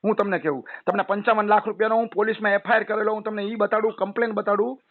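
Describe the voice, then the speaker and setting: The recorded call, tinny and faintly noisy, features a loan customer whose voice sits high and keeps a steady tone while he talks very fast. He argues his case at length, persuasive, lecturing, and long-winded.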